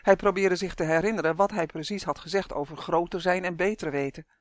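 A reader narrating a children's storybook in a calm, even storytelling manner. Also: medium pitch, fairly quick, dry recording, studio quality. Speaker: audiobook reader.

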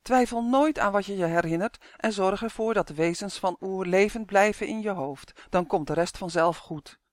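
A reader voicing a kind, wise old woman in an audiobook, speaking gently and reassuringly. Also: mid-range voice, normal speed, no room sound, clean studio sound, lightly acted. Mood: encouraging. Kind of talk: audiobook character voice.

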